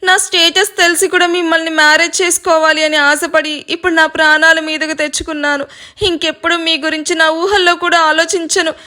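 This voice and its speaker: A woman's voice: extremely high pitch, flat delivery, normal speed, pushed and bright, pitched above the performer's own voice. A woman voicing a desperate young woman crying and begging for her life. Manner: pleading, sobbing.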